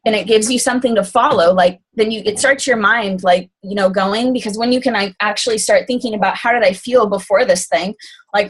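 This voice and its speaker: A woman talking casually on a group call, rambling quickly with lots of fillers. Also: mid-range voice, husky. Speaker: team call speaker.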